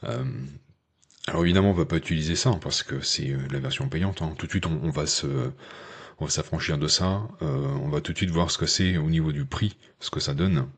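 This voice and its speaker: A man's voice: very deep voice, fairly quick, husky. A man hosting a tech channel, talking the viewer through a tutorial in a chatty, hesitant way with lots of fillers. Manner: addresses viewer informally. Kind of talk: casual screen-share tutorial.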